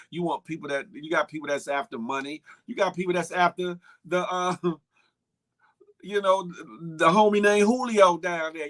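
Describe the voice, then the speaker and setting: A man hosting a casual live-stream talk show, animatedly shouting out viewers' names and chatting loosely with repeated catchphrases. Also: high-pitched.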